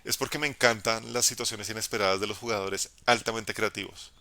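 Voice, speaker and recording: A young man, a game master giving an encouraging, casual live talk about narrating, in a low tenor voice with frequent restarts. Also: fairly even intonation, a little fast, gravelly, sharp tone. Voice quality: lowish tenor voice. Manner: encouraging, conversational, many restarts. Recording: dry live stream audio.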